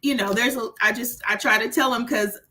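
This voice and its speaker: A woman from Arkansas joins a candid talk as a guest. Her voice is bright and a little high. She speaks reflectively, pausing and filling gaps with small hesitations. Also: fairly even intonation, low-quality recording. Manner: reflective, hesitant, many fillers. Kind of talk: candid casual conversation.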